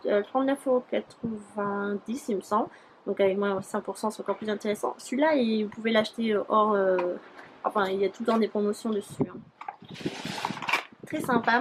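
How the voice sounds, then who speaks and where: A woman's voice: on the high side, noisy background. A young woman chatting casually through a beauty haul vlog, rambling with many fillers. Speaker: beauty YouTuber.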